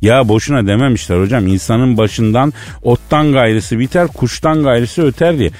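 A man from Elazığ telling a comic story as a radio co-host, chatty and lively. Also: medium pitch, moderate pace, faint music behind. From Elazığ, Turkey. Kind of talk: comic radio banter with a fake phone call.

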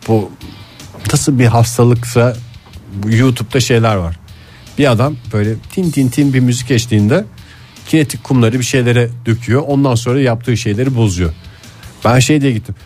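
A man's voice: mid-range voice, moderate pace, darkish tone, faint music behind. A man hosting casual morning radio, telling stories in an easygoing way with dry teasing. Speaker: radio show host.

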